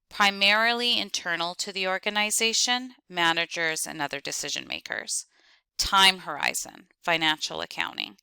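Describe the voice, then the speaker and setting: A woman lecturing on accounting, reading out terms, definitions and lists in clipped, deliberate steps. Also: fairly low pitch, gravelly, pushed and bright, smooth, no room sound. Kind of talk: reading lecture slides aloud.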